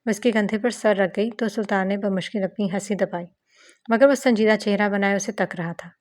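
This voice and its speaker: A woman narrating an audiobook of a romance novel in a steady storytelling manner. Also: mid-range voice, fairly quick.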